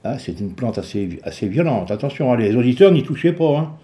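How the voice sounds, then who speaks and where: Lively stammering male radio host. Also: medium pitch, brisk. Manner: lively, stammers and restarts, bursts into emphatic questions. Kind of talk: radio call-in chat with a doctor.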